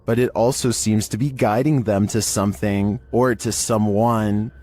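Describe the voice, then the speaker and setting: A low-pitched man narrates a scripted paranormal countdown. His delivery is that of a storyteller presenting eerie cases, with faint noise behind the voice. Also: steady tone, measured pace, darkish tone.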